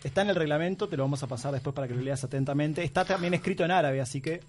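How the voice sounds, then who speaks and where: A man's voice: fairly high pitch, racing, slight background noise. A Uruguayan man with a Rioplatense accent hosting a playful radio quiz, joking and teasing his guests. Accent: Rioplatense Spanish, Uruguayan. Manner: animated, jokey, shouts when excited. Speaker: radio show host.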